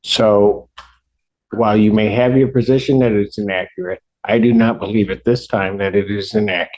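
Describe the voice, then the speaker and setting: A man speaking as a judge, giving rulings from the bench in a formal, deliberate way. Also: lowish voice, fairly even intonation, darkish tone, lo-fi sound.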